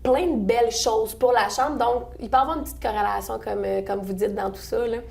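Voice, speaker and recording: With a voice on the high side, steady, a little mellow and edged with vocal fry, a woman in her 20s speaks fairly quickly in Québécois French. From Sorel-Tracy, Quebec, she's on a local interview as a guest from the chamber of commerce events staff. She's friendly but fills her speech with fillers and restarts.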